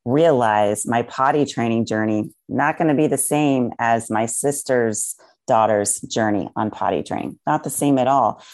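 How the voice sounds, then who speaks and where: A woman's voice: a bass voice, a little slow, a little mellow. A woman guest on a podcast, giving earnest, heartfelt parenting advice in a casual chat.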